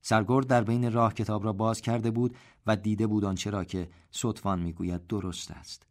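A man narrating a story in a steady, measured reading voice. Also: fairly low pitch.

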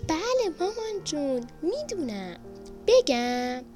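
A woman voicing an excited, curious little girl who asks eager questions in a high voice. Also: close to an everyday voice. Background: background music.

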